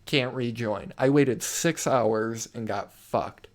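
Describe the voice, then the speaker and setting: A young man hosting a casual podcast, telling stories with lots of swearing and loud acted-out quotes. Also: medium pitch, takes it slowly. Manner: animated storyteller, swears a lot, acts out quoted voices loudly. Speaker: podcast host. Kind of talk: casual chat.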